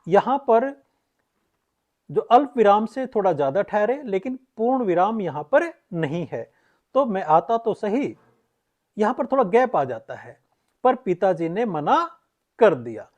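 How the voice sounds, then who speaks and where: A woman's voice: mid-range voice, darkish tone. A woman teaching Hindi grammar in an online lecture, explaining patiently and repeating each point. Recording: slightly muffled lo-fi audio.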